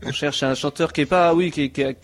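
Homme, voix un peu aiguë, anime un quiz en rigolant. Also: male voice, on the high side, fairly even intonation, fast talker. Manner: joking, stumbling over words. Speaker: podcast host. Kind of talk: casual quiz banter.

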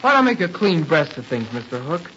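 An eager, earnest boy sidekick from a 1940s radio serial. The voice is fairly high and jumps about in pitch, boyish and plain-spoken. The sound is muffled. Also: big pitch swings, fairly quick, fairly bright tone, slight background noise. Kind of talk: 1940s radio drama acting.

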